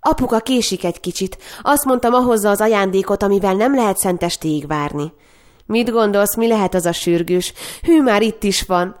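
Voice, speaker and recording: A woman's voice: mid-range voice, close to an everyday voice. A woman playing a fiercely protective young woman. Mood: affectionate. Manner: emotional, pleading.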